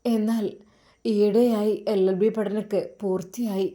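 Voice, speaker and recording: A woman's voice: medium pitch, fairly even intonation, a little slow, mellow. A woman narrating a religious family story in an earnest, emotive way.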